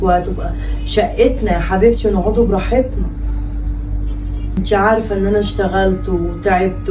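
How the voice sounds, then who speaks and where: A woman's voice: medium pitch, dark tone, roomy sound, far from the mic, natural voice, poor audio. An actress playing a mother longing to take her daughter back, speaking tenderly with an Egyptian accent. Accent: Egyptian Arabic. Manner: tender and pleading, turning tearful and bitter.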